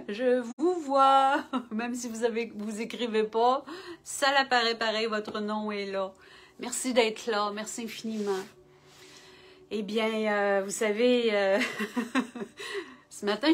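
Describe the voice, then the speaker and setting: Woman, Québécois accent, spiritual medium, live-stream chat, slow and gentle delivery. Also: a little high. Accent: Québécois French. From Québec. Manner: slow, gentle, greets viewers by name.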